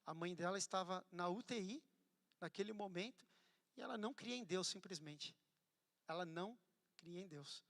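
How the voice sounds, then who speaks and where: A man preaching a sermon, telling a story with animated swings from loud to hushed. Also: sits high, normal speed, long pauses. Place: church hall. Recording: church hall with long reverb.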